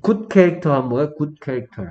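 A man's voice: on the high side, lively intonation, dark tone. Man teaching an English lesson, dull recording. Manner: explains step by step, drills with quick questions. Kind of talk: exam-prep lesson, quizzing a student. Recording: dull lo-fi room recording, faint noise.

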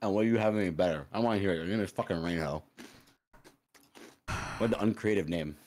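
A man's voice: low-pitched, quick pace, darkish tone, slight background noise. A man on a voice call during a gaming stream, joking in a dry, sarcastic, crude way. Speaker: gaming guest. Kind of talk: casual chat on a voice call. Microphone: microphone on a voice call.

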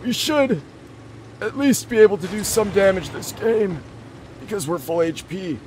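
A man doing an excitable old tank gamer in a strained high put-on voice, coaching viewers and exclaiming loudly during live-stream gameplay commentary. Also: measured pace, slight background noise.

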